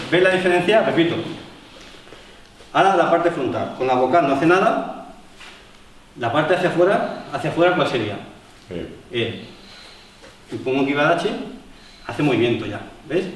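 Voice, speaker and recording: A man instructing a martial arts class, explaining to the group with many fillers and pauses. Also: fairly high pitch. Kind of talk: live seminar demonstration. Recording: echoey hall, voice from far off, faint noise.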